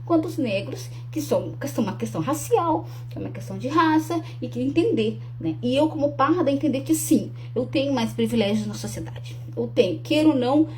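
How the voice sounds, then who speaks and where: A young woman talks earnestly and directly to the camera. Her voice sits a little high but sounds mellow and warm. She often restarts her sentences and adds tag questions, while a faint hum runs underneath. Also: expressive, brisk, few pauses. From Rio Grande do Sul, Brazil. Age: young adult. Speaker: speaker promoting her talk. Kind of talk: casual to-camera talk.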